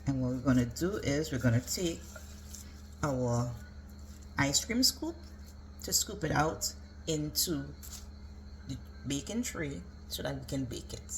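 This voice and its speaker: A woman's voice: rumbling low, animated, unhurried, pauses often, a little hiss or hum, low-quality recording. A woman giving a casual, step-by-step cooking demonstration as a home cook. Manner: instructional, step-by-step. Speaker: home cook presenting a recipe.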